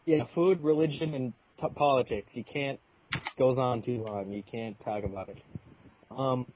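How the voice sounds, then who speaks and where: A man's voice: mid-range voice, fairly even intonation, normal speed, slight background noise. A man co-hosting a casual podcast, easygoing, keeping the conversation moving. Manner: easygoing, steers the conversation along. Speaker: podcast co-host. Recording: muffled lo-fi recording.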